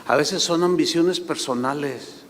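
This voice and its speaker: Preacher guy, high voice, tells stories and does the voices, long hall echo. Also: a little slow, a little hiss or hum. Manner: animated, acts out voices in anecdotes. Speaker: pastor. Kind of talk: sermon with storytelling.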